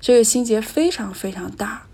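A woman's voice: on the high side, lively intonation, moderate pace, vocal fry, mellow, husky. A woman telling her own personal story in a reflective, candid and emotional way.

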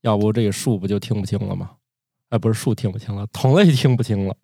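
A man's voice: on the low side, quick pace, gravelly, warm tone, breathy edge, dry recording, studio quality. Chatty joking male podcast host. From Northeast China. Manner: joking, chatty, laughs often. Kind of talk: casual chat.

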